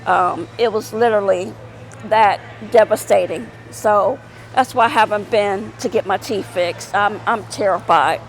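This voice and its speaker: Woman, middle-aged, slow pace, rambling with fillers, casual vlog. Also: medium pitch, slight background noise, poor audio. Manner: rambling, many fillers and repeats. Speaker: vlogger.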